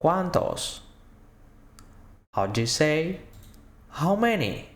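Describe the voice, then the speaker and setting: A man teaching a language lesson, slowly repeating short phrases and quizzing the listener, with slightly non-native English phrasing. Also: a little high, sing-song, echoey room. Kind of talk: slow spoken language lesson.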